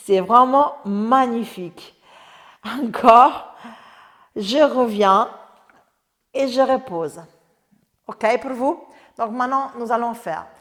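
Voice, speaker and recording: Woman, Italian accent, Pilates instructor, chatty and encouraging, slow and unhurried, long reverb. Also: a little high. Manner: chatty, joking, encouraging cues. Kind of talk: guiding a Pilates class. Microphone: lapel mic in clothing.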